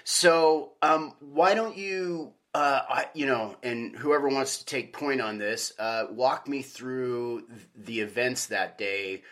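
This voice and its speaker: A man's voice: medium pitch, slow pace, few pauses, a bit bright. A middle-aged man hosting a podcast, narrating from a script and interviewing people. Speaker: podcast host and author.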